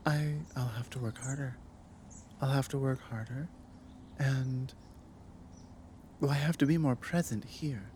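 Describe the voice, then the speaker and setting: In an ASMR audio drama, a woman plays a proud, ancient dragon scholar weighed down by guilt, speaking with commanding deliberation broken by halting dramatic pauses. Her voice is very deep and warm, with a slight hiss or hum, and she sounds grieving and guilty.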